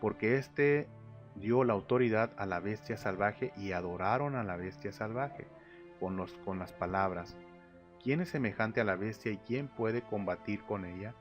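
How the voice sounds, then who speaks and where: A man's voice: fairly low pitch, moderate pace. A man teaching a narrated Bible slideshow lesson, reading verses aloud and then explaining them with fillers and restarts. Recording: lo-fi audio with faint music. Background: faint instrumental music.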